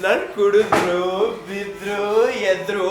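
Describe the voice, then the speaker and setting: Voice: medium pitch, flat delivery, slow pace, natural voice. Actor playing a drunken abusive husband, coarse, taunting, stage drama, echoey hall, music behind.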